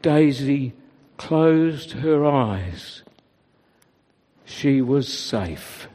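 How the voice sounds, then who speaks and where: A man reading a children's story aloud in a gentle, expressive way. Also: mid-range voice, very slow. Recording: long reverb.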